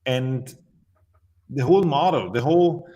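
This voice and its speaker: A man from Austria, answering as an interview guest and telling stories emphatically with measured pauses. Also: mid-range voice, dark tone, muffled recording.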